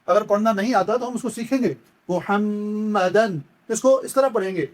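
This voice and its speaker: In a step-by-step recitation lesson, a high-pitched male Quran teacher goes over each mistake with patient repetition. He then demonstrates by chanting the words slowly and stretching them out.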